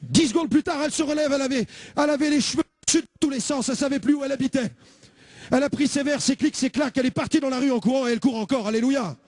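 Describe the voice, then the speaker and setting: A man evangelist telling his testimony as a sermon, animated, with bursts of shouting. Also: very high-pitched, racing, dry recording, studio quality.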